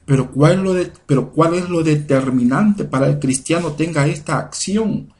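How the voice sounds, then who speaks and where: A man's voice: a little high, a little mellow. Earnest man teaching a Bible lesson. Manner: earnest, measured teaching with repeated phrases. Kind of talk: sermon-style Bible lesson.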